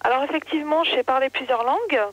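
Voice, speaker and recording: A high-pitched woman on a call-in line, her voice small and distant because the phone is held away from her mouth. The line is muffled and dry. She keeps pressing to be heard. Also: fast talker, no room sound. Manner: insistent, repeating herself to be heard. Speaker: caller. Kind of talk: call-in radio chat.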